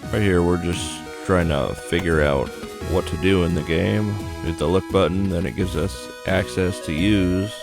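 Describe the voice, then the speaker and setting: Here the host's voice is low-pitched and gravelly, and he takes his time. He narrates the game in a relaxed, straightforward manner, reading out on-screen story text over background game music.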